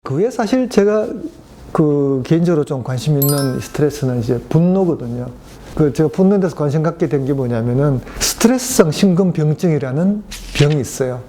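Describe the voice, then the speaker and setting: A middle-aged man, a cardiologist, speaks in a mellow, somewhat high voice over faint background ambience. He explains things in a loose, storytelling way, with plenty of fillers as he goes. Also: expressive, fairly quick, a little hiss or hum. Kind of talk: medical talk show conversation.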